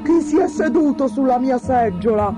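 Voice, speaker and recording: Woman doing a booming papa bear. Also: loud music behind the voice, close to an everyday voice. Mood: gruff. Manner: booming, slow. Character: big gruff father bear.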